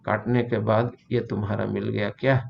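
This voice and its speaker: A man's voice: fairly low pitch, flat delivery, moderate pace, vocal fry. Man teaching chemistry, playful and step by step. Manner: explains step by step, with playful asides. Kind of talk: classroom lecture mixing Hindi and English. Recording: slightly dull recording with faint background hiss.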